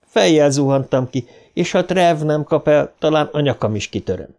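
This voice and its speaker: A man narrating an audiobook in a measured, first-person storytelling manner. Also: on the high side, lively intonation, a little mellow.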